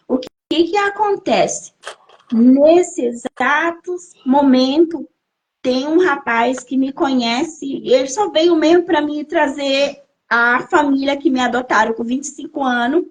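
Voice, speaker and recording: A woman in her thirties from Brazil, a podcast guest telling her life story as an emotional testimony and repeating phrases for emphasis. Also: high-pitched. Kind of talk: personal testimony in a podcast interview.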